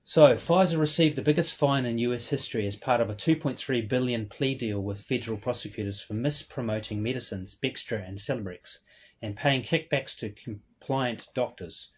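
A man's voice: mid-range voice, normal speed, breathy edge, lo-fi sound. A man talking as a guest in an interview. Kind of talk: casual interview talk.

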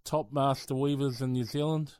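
A man hosting a community radio interview, asking gentle questions with many fillers and laughing often. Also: mid-range voice, steady tone, moderate pace, clean tone, dry recording.

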